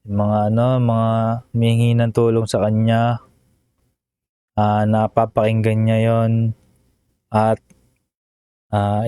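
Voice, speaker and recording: Smooth, flat-voiced man chatting over a video. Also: lowish voice, no echo. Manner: chatty, emotional, keeps tagging phrases with a questioning "no?". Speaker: vlogger. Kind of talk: casual reaction commentary.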